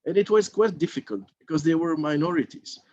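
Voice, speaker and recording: This former Moroccan member of parliament speaks fairly quickly in a fairly high but darkish voice. At a mentorship forum his talk is thoughtful yet hesitant, full of fillers, and the lo-fi recording sounds slightly dull.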